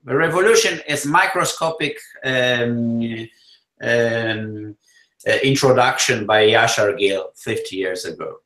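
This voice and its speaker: Male expert interviewee, Polish accent, mid pitch, halting and repetitive, roomy echoing sound. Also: pushed and bright. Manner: halting, searching for words, repeating phrases. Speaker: neurosurgeon, interviewee.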